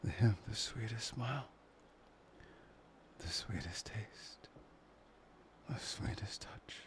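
A man voicing a possessive, obsessive young man in a whispered audio roleplay, murmuring slowly and breathily. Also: on the low side. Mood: adoring. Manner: murmuring, intimate, slow and breathy.

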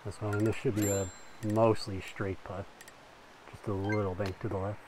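A man's voice: fairly low pitch, flat delivery, moderate pace. A man giving casual commentary as he plays a golf game, thinking aloud about wind and shots. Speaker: gaming video host.

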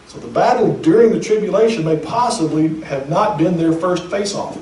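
A pastor delivers a sermon in a mellow, fairly high male voice at a moderate pace, shifting between emphatic and chatty preaching with speculative asides. He sounds distant, captured in a spacious church hall with audible echo.

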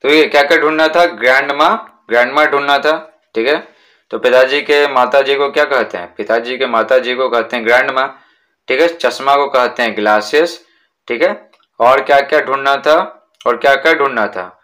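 A man teaching a school lesson in Hindi. He repeats words slowly and asks and answers his own questions. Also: medium pitch, sharp tone.

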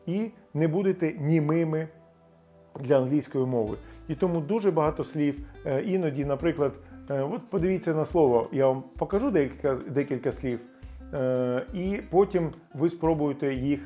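A Ukrainian-speaking man in middle age explains English pronunciation in an emphatic lesson style. His voice sits a little high yet sounds mellow and dark, and he stretches out the English example words. Soft music plays faintly behind him. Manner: emphatic, demonstrates English words slowly with stress. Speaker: English teacher.

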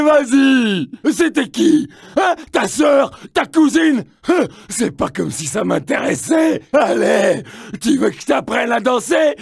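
An actor voicing a paranoid, volatile burned male splicer in a video game, with a raspy voice that swings from ranting shouts to muttering. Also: very high voice, no room sound, studio quality, heavily acted. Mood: taunting rage. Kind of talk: game voice acting.

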